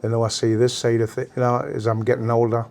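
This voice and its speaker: An older man from Newcastle with a Geordie accent, reminiscing in an interview in a halting, repetitive way. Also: medium pitch, level tone, creaky, a little mellow. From Newcastle, England. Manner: halting, repeats phrases. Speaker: former gang member being interviewed.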